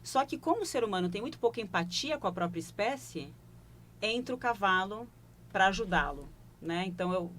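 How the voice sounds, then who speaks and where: In a broadcast studio interview, a leadership consultant with a Brazilian Portuguese accent explains her work, often tagging her phrases with short questioning asides. Her medium-pitched voice is expressive, slightly bright and a little fast, and she sounds reflective. There is slight background noise.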